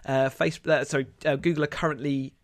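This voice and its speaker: A man's voice: a little high, little pitch movement, brisk, no echo, studio quality. A man with a nasal voice, bunged up with a cold, hosting a casual news discussion podcast. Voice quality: nasal, congested. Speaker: podcast host.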